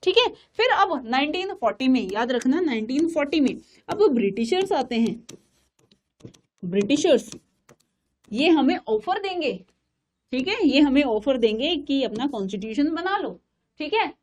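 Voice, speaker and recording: A young woman with a high, bright-toned voice teaches an online exam-prep lecture. She speaks with an Indian English accent and tells history as a story, often pausing to check that her students are following. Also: big pitch swings. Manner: storytelling, coaxing students, frequent "theek hai" checks.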